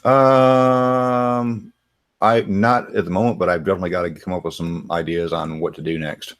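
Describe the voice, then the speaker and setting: Deep-voiced man, dry and wry. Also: level tone, moderate pace. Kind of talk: casual chat.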